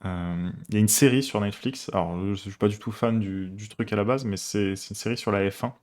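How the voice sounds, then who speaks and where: A man's voice: on the low side, fairly quick, a little mellow. A man, streaming a coding session and chatting casually, thinking aloud with many fillers and restarts. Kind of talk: casual live coding chat.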